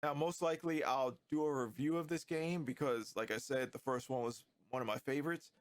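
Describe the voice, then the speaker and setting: A man with a stuffy, nasal voice from a cold, giving relaxed, slightly critical commentary on a video game. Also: mid-range voice, a little fast, dry recording. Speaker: gaming YouTuber.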